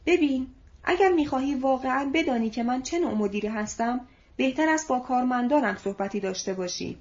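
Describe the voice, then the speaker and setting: Calm, assured older male manager, read by a woman with a fairly high voice; dull lo-fi audiobook sound. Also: close to an everyday voice. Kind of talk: audiobook reading. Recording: dull lo-fi recording.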